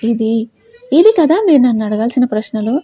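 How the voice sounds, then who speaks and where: A woman's voice: on the high side, expressive, a little fast, dark tone, slightly rough, no echo. A woman voicing a taunting male kidnapper who talks in a cocky, mocking way. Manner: mocking, casual slangy address.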